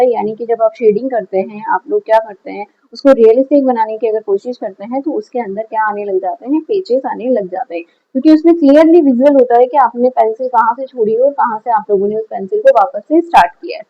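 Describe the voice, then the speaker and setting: A woman's voice: on the high side, fast, few pauses, warm tone, lo-fi sound. A woman teaching a shading lesson step by step, patiently asking the class questions and answering them herself. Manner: frequent checks like "clear?". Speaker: drawing teacher.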